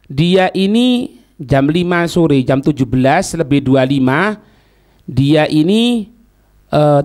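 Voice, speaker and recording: In a high voice, a man with a Javanese accent teaches a religious lesson as an Islamic teacher. His style is didactic, with repeated phrases and checks that students are following.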